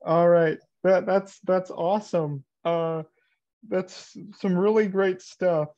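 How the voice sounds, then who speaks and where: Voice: mid-range voice, fairly even intonation, dark tone. An interviewer asking casual questions, often hesitating and using fillers. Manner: halting, filler-heavy questioning. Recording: dull lo-fi recording.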